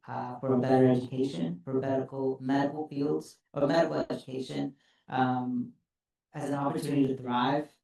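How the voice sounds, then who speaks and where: Earnest man with a mellow voice. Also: mid-range voice, gravelly. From El Salvador. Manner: earnest, deliberate, grateful. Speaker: panelist. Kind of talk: panel introduction. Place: conference hall. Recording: echoey conference hall.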